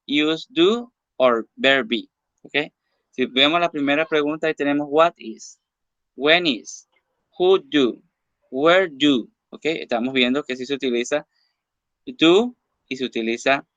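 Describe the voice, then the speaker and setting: A man teaching an English lesson, saying English phrases slowly, then translating and explaining them, and checking in with "ok?". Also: on the high side, a bit bright, no echo. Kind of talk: recorded classroom lesson. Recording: dull lo-fi dry recording.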